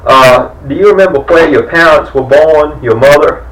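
A man conducts an interview, hesitating as he asks questions, with lots of fillers and restarts. His voice is on the high side and fairly bright, at a moderate pace, with slight background noise. The sound is roomy and picked up well away from the mic.

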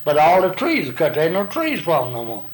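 A man's voice: fairly high pitch, huge pitch swings, quick pace, a little hiss or hum, rough recording. An older man with a Southern accent from around Arkansas, giving folksy, plain-spoken answers in an informal interview. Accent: Southern US, Arkansas area.

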